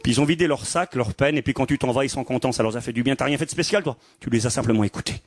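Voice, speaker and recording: A man preaching a sermon with lively, animated delivery, acting out the people in his stories. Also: medium pitch, racing, no room sound. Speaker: pastor.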